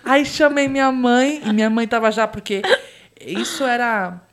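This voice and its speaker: A woman's voice: fairly high pitch, fairly even intonation, moderate pace. A young Brazilian woman telling a funny story in casual chat, dramatic and laughing often.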